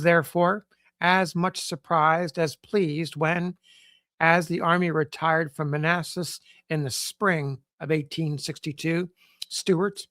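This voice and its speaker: A man hosting a podcast, reading an old newspaper sketch aloud in a measured, formal way with the odd stumble. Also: a little high, fairly bright tone, no room sound, clean studio sound. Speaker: podcast host.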